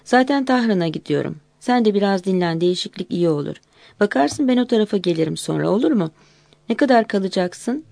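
A man's voice: sits high, animated, a little fast, creaky, darkish tone, no echo. Woman narrator doing a contrite man asking for forgiveness. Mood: apologetic. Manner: apologetic, pleading. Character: remorseful man, the narrator's partner.

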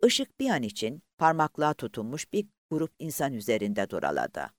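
A man reading a novel aloud as an audiobook narrator, with a dramatic, highly varied delivery. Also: wildly swooping pitch, moderate pace, no echo, studio quality.

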